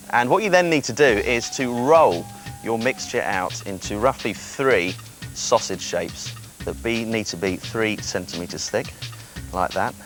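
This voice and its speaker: A man's voice: on the low side, a bit bright. A man presenting a children's TV cooking demonstration, chatty and explaining step by step.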